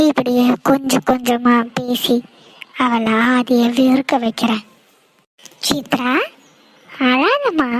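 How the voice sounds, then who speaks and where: A woman voicing a sly, manipulative older aunt in a cartoon, sweet-talking and scheming. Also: high voice. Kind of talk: cartoon voice acting.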